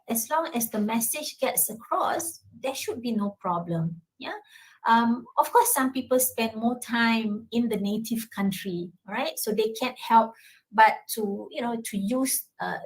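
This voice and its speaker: Her voice is a little high, and the recording is low quality. She's a university lecturer, a woman with a Malaysian English accent, taking audience questions at a talk and regularly asking "yeah?" or "all right?" to confirm people are following.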